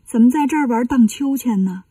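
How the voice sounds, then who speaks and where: A fussy, stern male monk master from a children's storybook, as a woman storyteller puts him on. The voice drops lower and scolds, soft and breathy in tone. It sounds a little distant from the mic, yet dry. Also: fairly quick, dry recording. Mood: coaxing.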